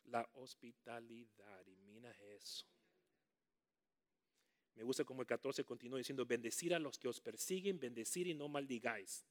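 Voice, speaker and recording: A man preaching a sermon, animated and calling on the congregation to repeat words after him, with jokey asides. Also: mid-range voice, moderate pace. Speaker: pastor.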